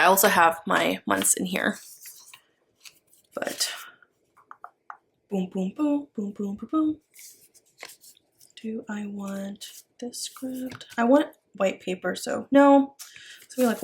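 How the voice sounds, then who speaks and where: A woman's voice: mid-range voice, slow pace, creaky, slight background noise. A woman with an American accent chatting casually as she works, rambling and thinking aloud as a craft vlogger. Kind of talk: casual chat while working.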